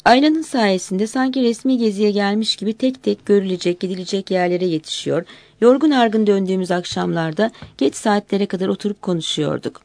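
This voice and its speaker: A woman narrating an audiobook in a calm, measured reading voice. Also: mid-range voice, no room sound.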